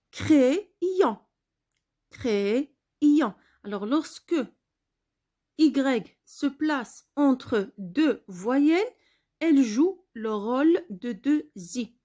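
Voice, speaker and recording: A woman teacher giving a spelling lesson, patiently repeating words slowly for her pupils. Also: on the high side, mellow.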